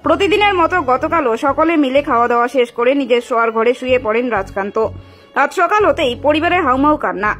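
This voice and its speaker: A woman's voice: sits high, lively intonation, quick pace, a bit bright. A woman reading a scripted news voice-over as narrator. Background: music behind the voice.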